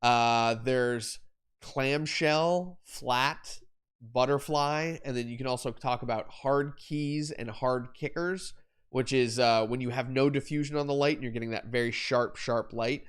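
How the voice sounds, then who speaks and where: A man's voice: mid-range voice, a little slow, clear, resonant tone. A young adult man hosting a live photography Q&A stream, explaining lighting setups in a rambling, self-correcting way with fillers and repeated words. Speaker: photography livestream host.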